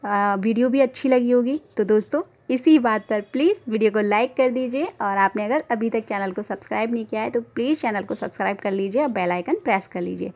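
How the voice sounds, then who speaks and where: A woman's voice: on the high side, a little fast, few pauses, darkish tone. A woman giving an online grammar lesson, asking questions and answering them herself, and drawing out sounds to demonstrate them. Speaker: Hindi grammar teacher.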